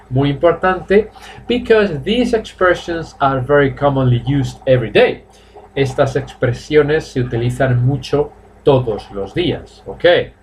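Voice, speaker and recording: A Spanish man in his fifties teaches a live bilingual English and Spanish class online from a small room at home. He switches between the two languages and repeats phrases slowly for drilling. His voice is mid-range with a darkish tone, over slight background noise.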